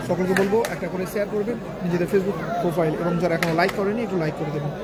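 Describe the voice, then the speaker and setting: Male live football streamer, rapid delivery, heavy crowd noise behind him outdoors. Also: high voice. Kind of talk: live match commentary mixed with chat to online viewers. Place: outdoors at a local football ground. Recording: loud crowd at an outdoor match. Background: loud crowd noise.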